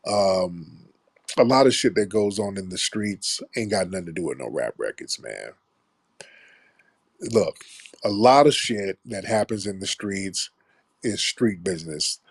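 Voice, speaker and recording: A low-pitched man with a slightly husky voice hosts a call-in stream. He speaks bluntly and profanely, like he's telling street stories to a friend. The sound is close and dry. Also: animated, a little slow, no room sound. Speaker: show host taking callers. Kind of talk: casual live-stream talk.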